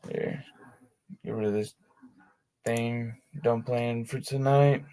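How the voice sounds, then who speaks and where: A man's voice: mid-range voice, steady tone, slow pace, dark tone, clean tone. A man streaming his tabletop game sessions, chatting casually in laid-back slang with many fillers. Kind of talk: casual livestream chat.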